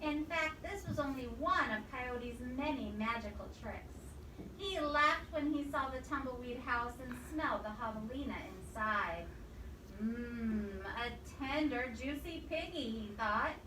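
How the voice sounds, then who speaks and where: A high-voiced woman reads a picture book aloud to young children in an indoor room, expressive and teacherly, pausing to quiz them with questions. She sits some distance from the microphone, so the recording is echoey, with clear noise in the room behind her.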